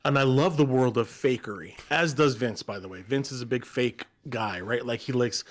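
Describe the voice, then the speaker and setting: A man's voice: medium pitch, moderate pace. A man who is a guest on a stream, chatting casually, joking and telling stories about friends. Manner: chatty, jokey, storytelling. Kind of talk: casual chat.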